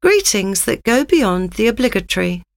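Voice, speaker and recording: A woman giving a scripted, instructive narration in a measured reading manner. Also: medium pitch, big pitch swings, vocal fry, dry recording, clean studio sound.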